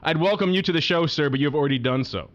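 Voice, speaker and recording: A man's voice: fairly high pitch, fast talker, lo-fi sound. A man hosting a show in a casual radio style with playful, announcer-like patter. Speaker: podcast host.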